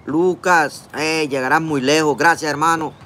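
His voice sits on the high side, bright and forceful, with fairly even intonation and an unhurried pace. He's a man in his forties with a Honduran Spanish accent, a vlogger on a phone livestream reading chat and greeting viewers by name while eating seated at a table outdoors in a park, filmed close up on the phone camera.

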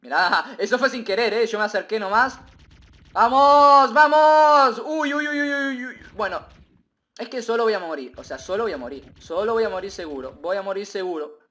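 Excitable high-voiced man gaming. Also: fairly quick. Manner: excitable, rambling, repeats himself, bursts into shouts. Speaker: gaming video creator. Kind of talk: live gameplay commentary.

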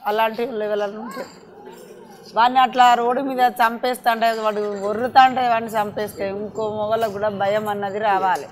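A woman's voice: medium pitch, flat delivery, fast talker. An older woman, a grieving grandmother, speaking bitterly and calling for harsh punishment. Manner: bitter, vengeful. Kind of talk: angry demand.

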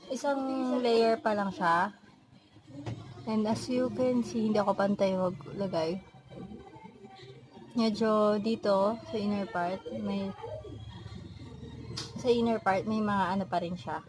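A Filipino woman with a hoarse, partly lost voice, speaking softly in a casual makeup review from her bedroom. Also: mid-range voice. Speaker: beauty vlogger. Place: her bedroom in a family house. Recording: noisy home room with TV behind. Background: TV and relatives' noise from nearby rooms.

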